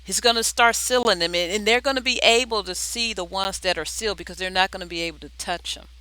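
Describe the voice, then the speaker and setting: A person giving an impromptu religious exhortation like a video diary, pleading earnestly and urgently, often repeating words in a halting way. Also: medium pitch, bright, forceful tone, clean tone, no room sound, low-quality recording. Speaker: video diarist sharing prophetic dreams.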